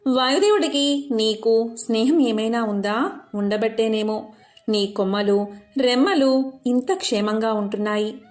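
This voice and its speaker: A woman's voice: fairly high pitch, unhurried, darkish tone, natural voice. A woman voicing a wise, teasing male sage in a devotional story, coaxing and cautioning.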